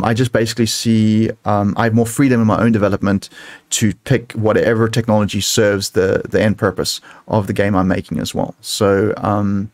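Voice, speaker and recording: A software developer answering audience questions on a video call, talking in halting sentences full of restarts. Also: male voice, fairly low pitch, dry recording. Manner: halting, many restarts and fillers. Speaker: software developer speaking at a meetup. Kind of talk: casual tech talk Q&A.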